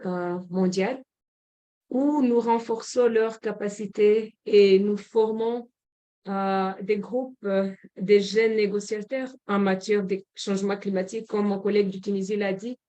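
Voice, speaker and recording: A woman from Rwanda, a government representative, giving a formal closing speech at a forum in a measured way, with frequent pauses and hesitations. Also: mid-range voice, steady tone, mellow.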